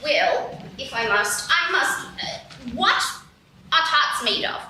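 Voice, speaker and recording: A very high, lively, bright voice of a bossy queen, as a woman acts her out, haughty and theatrical, talking slowly and threatening on a whim. She sounds echoey and from across a stage, as in a live radio play. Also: exaggerated voice. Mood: imperious. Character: bossy, imperious female queen, quick to threaten. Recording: echoey stage from a distance, faint noise.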